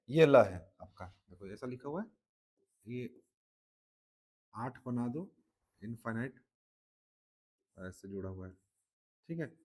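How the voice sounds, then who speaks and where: A man's voice: a little high, a little mellow, slightly rough. Man teaching Hindi with a Chhattisgarhi accent. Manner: repeats "ठीक है" and quizzes listeners. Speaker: exam-prep Hindi teacher. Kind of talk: classroom lecture.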